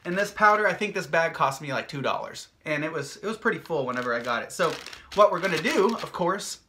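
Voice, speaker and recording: A man's voice: on the high side, animated, fairly quick, pushed and bright, a little hiss or hum. A man hosting his own hot sauce vlog, chatting casually in an upbeat, jokey, rambling way with plenty of fillers. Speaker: hot sauce maker and video host.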